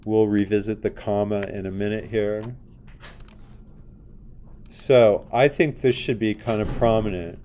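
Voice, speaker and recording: Mellow-voiced man teaching design class. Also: lowish voice, steady tone, a little slow, pauses often, slight background noise. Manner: conversational, asks the class questions. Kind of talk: classroom lecture with screen demo.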